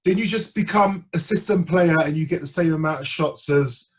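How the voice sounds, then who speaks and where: A man's voice: on the high side, normal speed, husky. A man in a casual basketball podcast who asks rhetorical questions as he argues. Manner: questioning, says "you know what I mean". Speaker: podcast panelist. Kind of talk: casual sports chat.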